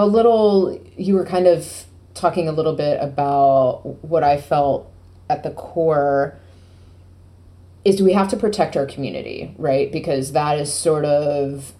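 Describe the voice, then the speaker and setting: A woman's voice: deep voice, dark tone. A woman co-hosting a podcast, chatting in a rambling, playful way with many fillers. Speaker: podcast co-host, PR agency. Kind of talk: casual podcast chat.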